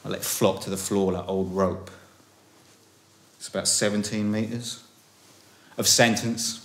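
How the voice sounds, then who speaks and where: A young man performing a comic, self-mocking spoken-word story at a small live gig, dropping to low mutters and rising to panicky highs. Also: steady tone, measured pace, fairly bright tone. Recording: roomy live room.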